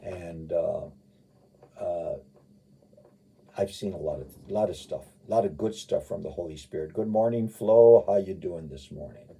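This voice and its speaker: A man preaching and teaching the Bible in an informal, folksy, rambling way with emphatic repetition, his husky voice caught in muffled live radio sound. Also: sits low, a little slow, dark tone. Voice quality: husky, gravelly.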